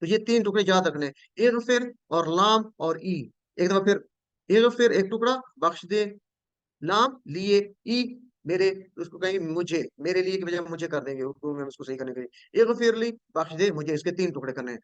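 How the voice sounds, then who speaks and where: A male teacher with a high, smooth, clear voice leads a Quranic Arabic lesson over a video call. He works through each word patiently, repeats himself and quizzes his students. The audio is dry and dull, like lo-fi online class sound. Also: lively intonation, brisk, dry recording.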